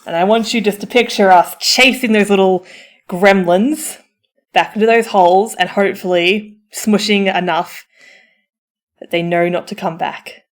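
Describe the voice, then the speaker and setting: An unhurried woman with a mid-range voice performs a comforting audio roleplay as a supportive friend. She gives the listener a chatty, informal pep talk in a theatrical, encouraging way.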